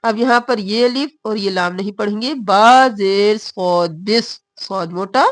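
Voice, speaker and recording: A woman teaching Quran recitation rules. She draws the recited words out slowly and explains each sound in quick, short phrases. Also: mid-range voice, dry recording. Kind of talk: slow recitation and explanation lesson.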